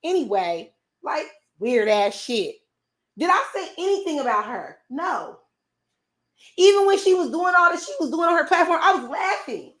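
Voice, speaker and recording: A woman's voice: high voice, sing-song, normal speed, fairly bright tone. A woman hosting a livestream, talking casually and confrontationally, brash and profane as she answers comments from her chat. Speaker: livestream host.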